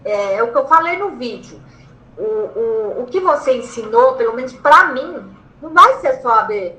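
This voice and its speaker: In an interview, a Brazilian woman, a law graduate who passed the bar exam, emotionally tells her own story at normal speed with a Brazilian Portuguese accent. Her high, bright voice carries noticeable room echo. She speaks excitedly, repeats phrases, and acts out what she once shouted.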